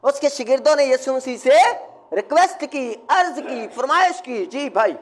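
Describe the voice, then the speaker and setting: A man preaching with a very high-pitched voice, the pastor leading his flock through a sermon. He fires questions at the congregation and has them call the answers back, sometimes rising to a shout. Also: expressive, slight background noise. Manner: call-and-response, quizzing the congregation; bursts into shouting.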